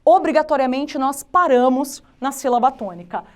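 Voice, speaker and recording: A woman's voice: high-pitched, normal speed. A Brazilian Portuguese-speaking woman teaching literature in an online exam-prep lesson, explaining step by step and checking in often with her students. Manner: patient, explanatory, checks in often with tag questions.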